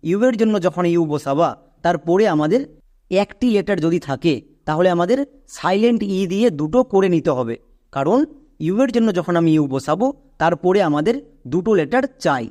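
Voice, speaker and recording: A man's voice: high-pitched, expressive, brisk, a little mellow. A man teaching an English spelling lesson. He goes through each word patiently and repeats his points. He checks in with the listener by asking questions.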